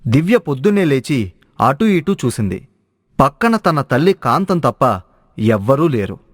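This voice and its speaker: A man narrating a cartoon story in a steady storytelling way. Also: medium pitch, measured pace, no room sound, clean studio sound.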